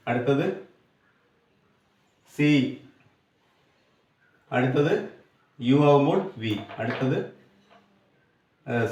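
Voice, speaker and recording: A man with a Malayali accent teaching an English grammar lesson for exam students, going step by step, asking and answering his own questions and slowing down to spell out English examples. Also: mid-range voice, roomy sound, distant mic, rough recording.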